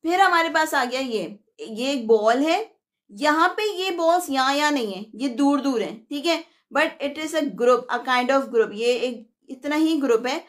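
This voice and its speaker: A young woman from Pakistan teaches a live online lesson. Her voice is high and she speaks unhurriedly. She explains step by step and moves between Hindi-Urdu and English. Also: lively intonation, a little slow, a bit bright.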